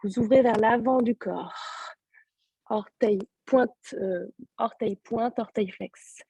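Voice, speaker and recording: A woman yoga teacher with a sore throat, giving calm, soft-spoken step-by-step cues over a video call. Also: on the high side, slow, lo-fi sound, a little hiss or hum. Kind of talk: guided yoga class instruction.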